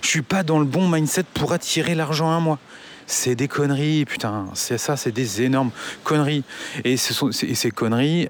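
A man delivers a casual rant, blunt and crude, tripping over fillers as he goes. His voice sits at an ordinary middle pitch. A faint hiss of background noise runs under the recording. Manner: blunt, swears a lot, many fillers. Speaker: online business commentator.

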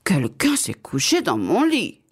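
A woman voicing the middle-sized bear in a storybook reading, in a plain, even voice. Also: lowish voice, unhurried, breathy edge, exaggerated voice. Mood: puzzled.

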